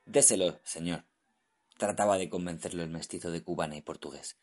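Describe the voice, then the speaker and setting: Low husky male audiobook narrator. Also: fairly even intonation, fast, darkish tone.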